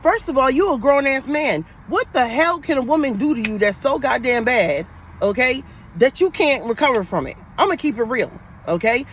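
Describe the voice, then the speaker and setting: A woman's voice: high voice, expressive, moderate pace, a little hiss or hum. A woman with a New York Queens accent ranting casually on a livestream, blunt, streetwise and emphatic, with slang and swearing. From New York City, Queens. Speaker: livestreaming spiritual advisor. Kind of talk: casual, profane livestream rant.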